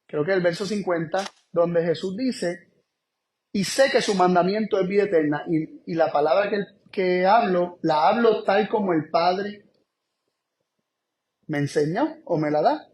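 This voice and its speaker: Man, high voice, preacher, Bible study sermon, emphatic, repeats phrases. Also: a little mellow. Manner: emphatic, repeats key phrases, shifts between slow stress and quick asides.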